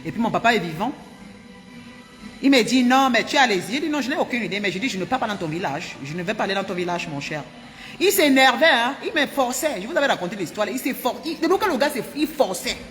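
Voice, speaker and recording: A woman from Cameroon, telling her viewers a personal story in an animated, emphatic way and repeating herself often. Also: fairly high pitch, fast talker, in a large hall, soft background music. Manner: animated and emphatic, with frequent repetitions. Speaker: vlogger.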